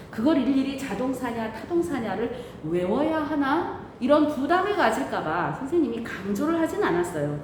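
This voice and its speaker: A woman teacher explaining a lesson through a face mask, often asking questions and answering them herself. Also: a little high. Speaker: English grammar teacher. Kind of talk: explanatory lesson, questioning the students as she goes. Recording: very echoey room, clear background noise.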